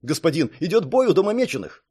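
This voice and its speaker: A dutiful male secretary delivers a brisk, formal report in this audiobook, as a male reader voices him. The voice sits a little higher than the narration and keeps an urgent, orderly rhythm. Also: very animated, warm tone, husky.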